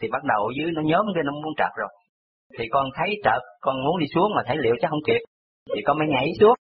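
A man with a Southern Vietnamese accent calls in to a radio show, his voice a little high, expressive and fast. He recounts a personal story in a rambling way heavy on detail, heard over a tinny phone line.

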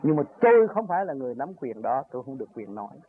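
A man's voice: mid-range voice, big pitch swings, very fast, slightly rough. An older man giving an earnest, rambling spiritual talk that rises to emphatic peaks as he recounts his own journey. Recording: tinny phone-like recording with faint noise.

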